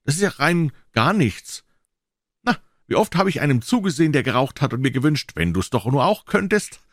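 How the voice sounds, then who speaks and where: A man voicing Tom, a boastful young boy who talks in a high, excited voice. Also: moderate pace, no room sound, clean studio sound.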